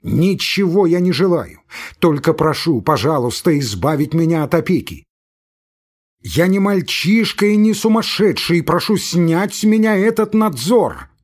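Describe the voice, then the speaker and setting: A man reading aloud, voicing an agitated, hysterical young nobleman who shouts in breathless outbursts. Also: on the high side, sing-song, slow pace, voice pushed up, full character voice.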